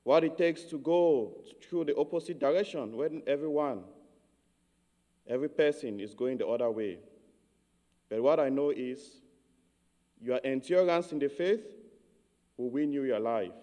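A man from Cameroon giving a measured, earnest homily as a priest. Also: mid-range voice, warm tone, in a large hall.

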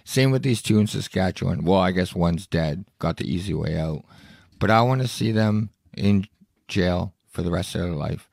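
A solo podcast host with a lowish, gravelly voice reads news aloud at normal speed, reacting bluntly and indignantly and swearing freely. His slightly mellow voice is going hoarse from a cough. The recording is close and dry, with no room sound.

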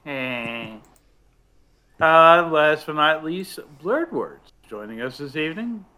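A man's voice: on the high side, animated, slow pace, sharp tone. A man hosting a casual podcast over an online call, joking and rambling with many fillers. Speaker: podcast host. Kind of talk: casual chat. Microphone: online call microphone.

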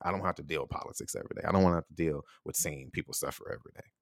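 A man's voice: very deep voice, very fast, no echo, studio quality. An American man hosting a solo podcast, talking reflectively and conversationally and often checking in with a rhetorical "right?". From United States. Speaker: podcast host.

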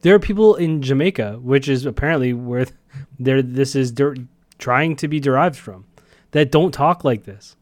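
A man's voice: medium pitch, moderate pace, no echo. A man co-hosting a sports podcast, talking bluntly and mockingly in casual chat. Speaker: podcast co-host. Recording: dry close mic.

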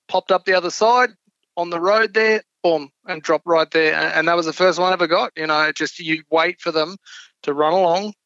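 Bright-voiced Australian man, slightly dull recording. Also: on the high side, no echo. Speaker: podcast guest. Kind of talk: casual interview chat.

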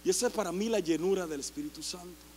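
Impassioned high-voiced male preacher. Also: quick pace, slightly rough. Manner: impassioned, rising to shouts. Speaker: pastor. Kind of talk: sermon. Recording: long hall reverb.

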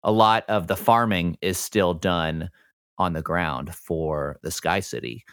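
A man's voice: sits low, slow, no room sound, studio quality. A man narrating a tabletop role-playing game as game master, setting scenes in an informal, conversational way.

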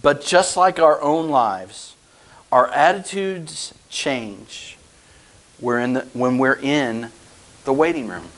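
A man's voice: mid-range voice, slow, fairly bright tone, rough recording. A man preaching a conversational sermon, often asking his listeners rhetorical questions. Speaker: pastor.

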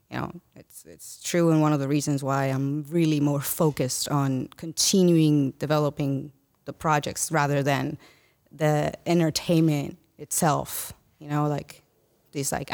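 A woman from the Dominican Republic, a guest on a podcast, talking casually with many fillers and restarts. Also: sits low. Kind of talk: casual conversation.

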